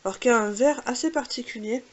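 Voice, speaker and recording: A woman's voice: fairly high pitch, fast talker. A woman with a French accent, chatting casually with many fillers while showing makeup swatches. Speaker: beauty vlogger. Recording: faint hiss.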